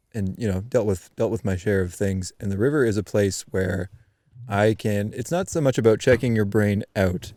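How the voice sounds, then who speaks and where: Lively low-voiced man telling a story. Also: no echo, clean studio sound. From eastern Canada. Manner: animated storyteller, frequent ums and restarts. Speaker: podcast guest. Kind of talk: casual storytelling chat.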